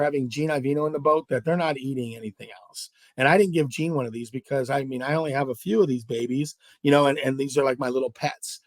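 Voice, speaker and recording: A man from Southern California, a guest angler, telling a fishing story in an animated way, with many restarts and asides. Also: fairly high pitch, no room sound, clean studio sound.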